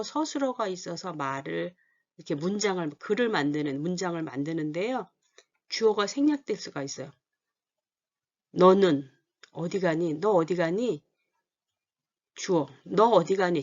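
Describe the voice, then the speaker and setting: Lower-voiced woman teaching a lesson. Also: a little mellow. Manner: asks the class questions and answers them herself. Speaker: Korean language teacher. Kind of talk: explanatory lecture. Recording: dull lo-fi recording.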